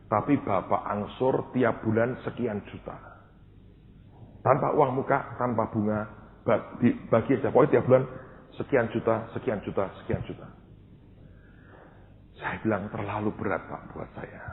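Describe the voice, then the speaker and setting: A male pastor preaching a storytelling sermon, acting out dialogue and swinging from loud to hushed. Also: on the low side, a little hiss or hum. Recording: tinny phone-like sound, long hall reverb.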